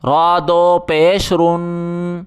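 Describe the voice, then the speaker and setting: A young man with a Pakistani Urdu accent leads a recitation lesson. His rather high voice is very smooth and clear. He names each letter and vowel mark, then stretches the joined word out slowly, with brisk plain instructions between. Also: completely flat delivery. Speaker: Quran reading teacher. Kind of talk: slow syllable-by-syllable recitation lesson.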